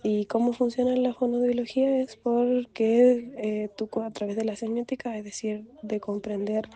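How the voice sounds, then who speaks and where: A woman talks through her study notes on communication in a flat, even tone. Her voice is very dark and mellow. She hesitates often and fills the gaps with "you know" asides. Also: on the high side, normal speed. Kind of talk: explaining study material.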